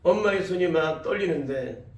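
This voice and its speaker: An animated preacher with a fairly high voice shares a testimony at a moderate pace, performing the quoted cries and dialogue of the people in it. The recording captures him far off-mic in a reverberant church sanctuary.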